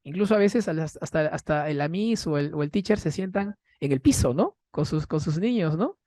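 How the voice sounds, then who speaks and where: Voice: medium pitch, lively intonation, moderate pace, mellow, dry recording, clean studio sound. A conference panelist gives an academic lecture to a seated audience from a stage. The speaker keeps checking in with tag questions and rhetorical questions, and often restarts with repeated words. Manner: frequent false starts and repeated words. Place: university hall, speaking from a raised stage facing a seated audience.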